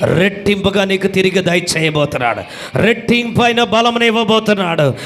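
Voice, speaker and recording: High-pitched preacher calling for amens. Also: male voice, moderate pace. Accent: Telugu. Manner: shouts commands for amens and clapping, wide swings in pitch. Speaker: pastor. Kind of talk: call-and-response revival sermon. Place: church gathering.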